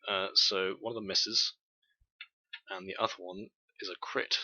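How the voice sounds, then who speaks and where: Bright-voiced hesitant game master man. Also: low-pitched, level tone, a little slow, dry recording, lo-fi sound. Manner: hesitant, full of fillers. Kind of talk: narrating a tabletop game.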